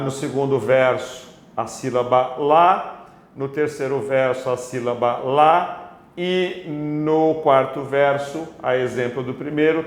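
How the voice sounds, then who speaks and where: A man teaching a poetry lesson, slowly spelling out syllables and checking in with his students. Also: on the high side, echoey room. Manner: slow, deliberate, stretches out syllables when counting; asks the class for agreement with tag questions.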